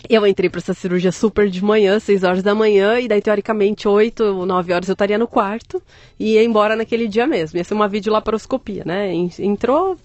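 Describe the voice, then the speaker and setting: A woman's voice: medium pitch, no room sound. A woman, telling her story as an interview guest, candid and joking, acting out the voices of people she quotes. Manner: candid, animated, joking, acts out quoted speech. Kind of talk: conversational storytelling.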